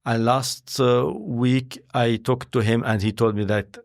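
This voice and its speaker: A gravelly man at medium pitch with a steady tone, speaking English as a non-native. He's a scientist and filmmaker being interviewed conversationally, and he halts often, hunting for words amid many fillers.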